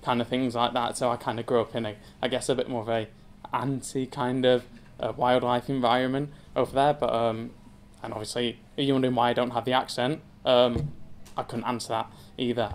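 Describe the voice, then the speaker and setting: Standing at a lectern before a seated crowd in a wood-panelled room, a young English man in his twenties who works as a zoo community engagement assistant shares a personal story. He speaks at an ordinary mid pitch, casually and hesitantly, with plenty of ums and gentle self-mockery. A little hiss or hum is audible.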